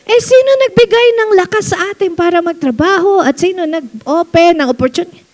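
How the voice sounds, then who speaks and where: A woman pastor preaching a sermon in church, animated, slowing down to read verses and laughing often. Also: very high voice. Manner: animated preaching mixing Tagalog and English, reads verses slowly, laughs often.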